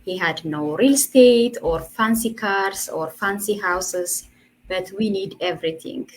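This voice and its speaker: A woman's voice: medium pitch, unhurried, poor audio. A woman, a guest telling her story earnestly over a video call in a casual interview. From Ethiopia. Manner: earnest, laughs between phrases. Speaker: guest, online entrepreneur.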